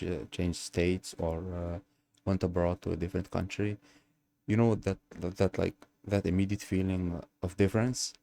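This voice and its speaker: A young man from Algeria telling his own story in a casual monologue, pausing often and hunting for words. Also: low-pitched, gravelly, dark tone. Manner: hesitant, searching for words with many fillers. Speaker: channel host.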